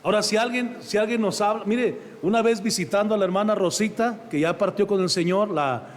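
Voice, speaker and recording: A man's voice: high voice, fairly quick, big-room sound. A man with a Mexican accent, a pastor preaching a sermon in a conversational way and often calling the congregation "brother". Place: church.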